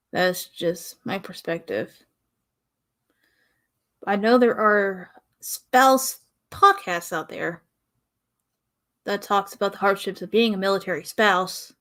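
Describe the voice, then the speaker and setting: Woman podcast host, young, from the South, slow unhurried delivery, rambling with frequent pauses. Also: mid-range voice, fairly bright tone. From American South. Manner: rambling, pauses often, sighs. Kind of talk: casual solo podcast talk.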